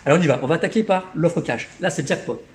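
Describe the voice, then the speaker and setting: A man giving a live infomercial sales pitch as a car dealership presenter, with emphatic hard-sell patter that repeats key figures. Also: lively intonation, quick pace, a little mellow. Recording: clear background noise on location.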